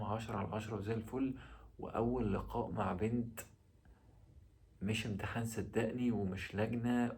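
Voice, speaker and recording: A man's voice: mid-range voice, a little mellow, husky. A man with an Egyptian Arabic accent giving casual dating advice straight to the viewer, asking rhetorical questions as he goes. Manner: direct, addresses the listener, rhetorical questions.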